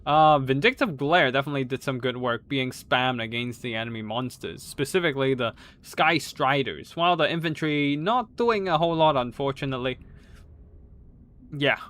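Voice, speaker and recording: A man's voice: mid-range voice, normal speed, fairly bright tone. A man casually commentating strategy game tournament replays, rambling with many fillers and restarts and swearing now and then. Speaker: game caster.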